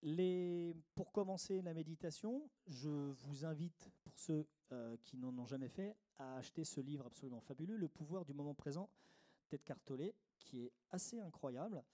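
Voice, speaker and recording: A man's voice: fairly high pitch, normal speed, dark tone. A middle-aged man giving a workshop talk on meditation to a live audience, didactic, repeating his key phrases with frequent fillers.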